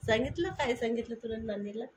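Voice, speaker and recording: High-voiced woman coaxing a child. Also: animated, fast. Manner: coaxing, playful questions, laughs often. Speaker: vlogger filming a child. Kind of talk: casual chat with a child. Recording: echoey room, faint noise.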